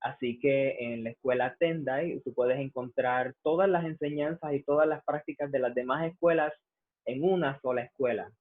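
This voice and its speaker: Puerto rican guy explaining buddhism, lots of "eh", sounds like a phone line. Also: mid-range voice. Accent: Puerto Rican Spanish. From Puerto Rico. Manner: measured, frequent "eh" fillers. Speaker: Buddhist reverend. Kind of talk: explanatory interview answers.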